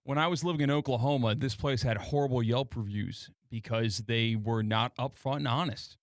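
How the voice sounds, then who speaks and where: A man's voice: mid-range voice, normal speed, dry recording, studio quality. An American man chatting casually as a co-host on a radio show. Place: radio studio.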